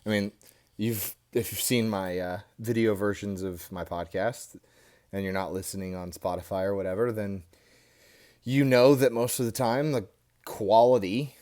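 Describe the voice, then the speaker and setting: A man's voice: on the low side, steady tone, normal speed, darkish tone. An American man, a podcast host, talks casually and off the cuff to his phone, using his headphones as a mic, rambling informally with many small asides. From Indiana, United States. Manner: informal, rambling with frequent "you know" asides. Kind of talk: casual off-the-cuff monologue to camera. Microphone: headphones used as mic with a phone.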